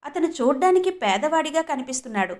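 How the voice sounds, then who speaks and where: A woman's voice: sits high, very animated, fast, darkish tone, voice pushed up. A woman voicing a polite, earnest young male junior salesman.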